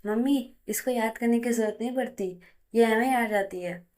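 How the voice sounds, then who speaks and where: A woman voicing a loud, bossy young woman who teases her friend in a told love story. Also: fairly high pitch, normal speed, natural voice. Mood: teasing.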